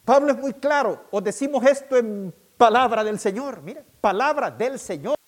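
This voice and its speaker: A man preaching a sermon, emphatic and deliberate, repeating his key points slowly for the congregation. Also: very high-pitched, lively intonation. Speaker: pastor.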